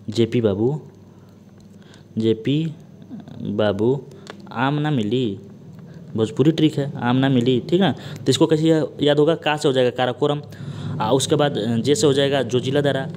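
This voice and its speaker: Fast-talking man teaching exam prep. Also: medium pitch, darkish tone, a little hiss or hum. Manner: chatty, keeps asking "ठीक ना?" and calls students "Babu". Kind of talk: online exam-prep lecture.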